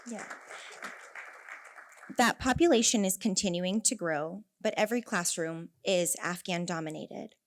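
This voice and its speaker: Some chatter can be heard behind this young woman, whose fairly low voice runs a little slow. An elementary teacher from Northern California with a California accent, she's giving a prepared speech at a conference, earnest and full of stories and wry remarks.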